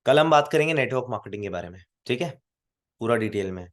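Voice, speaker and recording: Animated male sales trainer. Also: mid-range voice, fast. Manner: animated storytelling, acts out both sides of dialogues; mixes English words into Hindi. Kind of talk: training session talk.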